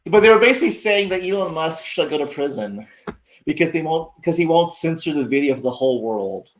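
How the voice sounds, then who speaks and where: A man's voice: on the high side, lively intonation, fairly quick, echoey room, a little hiss or hum, rough recording. A man hosting a livestream, rambling and sarcastic, swearing freely as he talks casually to his chat. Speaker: livestream host.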